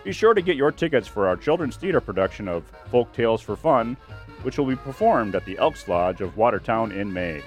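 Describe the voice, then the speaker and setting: A man's voice: on the low side, big pitch swings, fairly quick, faint music behind. A man giving a scripted radio-style announcement as the show's announcer.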